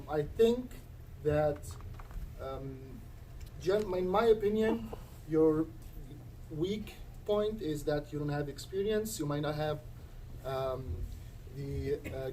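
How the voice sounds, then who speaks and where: A man's voice: fairly high pitch, warm tone, slight background noise. A man from Syria, an audience member asking a candidate a question at a town hall, hesitant and full of fillers. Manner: hesitant, with many fillers and restarts.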